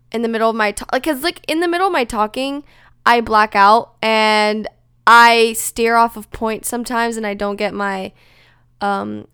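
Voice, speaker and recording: A young adult woman with a high-pitched Valley Girl voice, chatting casually as a solo podcast host and peppering her talk with filler words. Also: fairly bright tone, clear, resonant tone, dry recording, studio quality.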